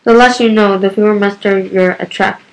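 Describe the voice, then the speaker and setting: Woman doing a grumpy young satyr guy from a storybook, mid pitch, trips over words a bit. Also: fairly even intonation, lightly acted, poor audio. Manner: hurried, stumbling amateur read-aloud. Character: nervy young male satyr, touchy and blunt.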